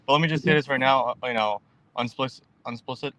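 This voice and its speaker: A man calling into a show, excited and in a hurry. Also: medium pitch, dry recording. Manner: excited and rushed. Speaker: caller. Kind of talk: casual call-in chat.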